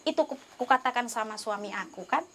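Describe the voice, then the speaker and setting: A woman's voice: a little high, a little fast. A woman giving an earnest, emotional testimony, pleading as she acts out her own prayers and conversations. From North Sumatra, Indonesia.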